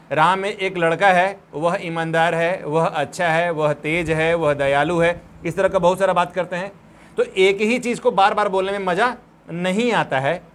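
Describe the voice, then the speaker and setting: A man's voice: a little high, a bit bright. A man teaching a grammar lesson, patiently dictating examples word by word and asking the students questions. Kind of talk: grammar lesson, explaining step by step.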